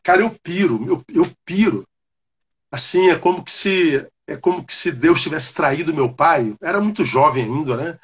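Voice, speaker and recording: Husky-voiced pastor telling a story. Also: male voice, a little high, moderate pace. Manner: animated storyteller, calls the listener "cara". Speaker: Baptist pastor. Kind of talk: personal testimony on a live chat.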